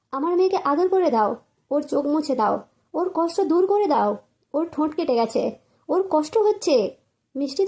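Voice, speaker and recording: A woman voicing a grief-crazed young husband at a grave, pleading and shouting bitterly. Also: high-pitched. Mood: anguished.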